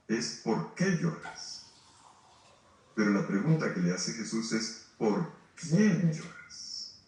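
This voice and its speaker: A man's voice: fairly low pitch, a little hiss or hum. Male priest, emphatic preaching, heard from a distance in a very echoey room. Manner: emphatic, rhetorical questions, speaks to listeners directly. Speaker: priest leading a grief retreat. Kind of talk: sermon. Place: formation house hall.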